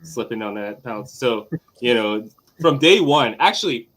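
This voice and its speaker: A man's voice: mid-range voice, moderate pace. Podcast guest, man from Trinidad, thirties, easygoing, rambling storytelling. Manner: relaxed, laughs often, many fillers. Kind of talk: casual chat.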